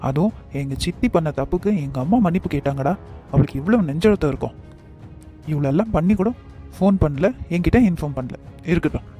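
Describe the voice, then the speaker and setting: A man voicing an anxious, sulky young groom-to-be in a cartoon, speaking in quick, hurt complaints. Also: a little high, expressive, dark tone, faint music behind, natural voice. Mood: upset. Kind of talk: cartoon voice acting.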